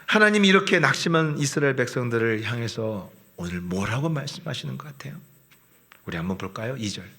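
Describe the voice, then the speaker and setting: 교회에서 설교하는 남자 목사로, 힘주어 강조하다가 속삭이듯 낮추며 표현력 있게 말한다. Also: male voice, medium pitch, fairly quick, gravelly. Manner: expressive, swings from loud emphasis to soft whispered asides. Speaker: pastor. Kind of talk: sermon. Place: church.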